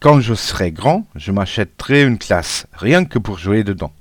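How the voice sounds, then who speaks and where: Male storybook narrator, playful and lively, lowish, dry recording. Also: measured pace, dry recording. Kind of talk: storybook reading.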